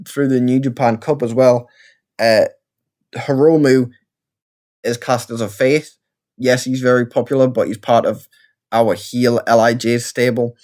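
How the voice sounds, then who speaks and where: A man's voice: mid-range voice, a little mellow. A man with a Geordie accent giving casual, rambling let's-play commentary in a chatty, self-deprecating way. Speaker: gaming video creator.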